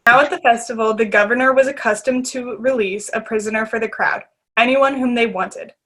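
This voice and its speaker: A fairly high female voice narrates scripture for a readers theater. She reads formally, at a measured, scripted gait. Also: fairly bright tone.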